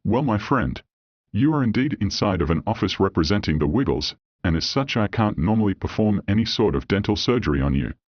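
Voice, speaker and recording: A man voicing a large, cheerful, scheming male dog dentist who talks fast and coaxingly. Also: lowish voice, very animated, no echo, highs cut off, pitched below the performer's own voice. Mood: scheming glee.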